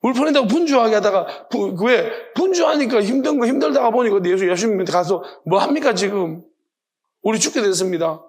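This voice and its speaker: A man's voice: sits high, expressive, fairly quick, few pauses, darkish tone. A male pastor with a Gyeongsang accent preaching a sermon, firing off rhetorical questions with emphasis.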